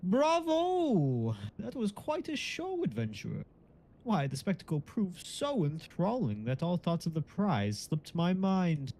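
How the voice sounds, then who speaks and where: A man's voice: high-pitched, huge pitch swings, measured pace, dark tone, voice pushed up, exaggerated voice, low-quality recording. A man voicing a grand, theatrical disembodied spirit with an unearthly, declamatory manner, reading game dialogue. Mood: grand, congratulatory. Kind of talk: game dialogue read aloud.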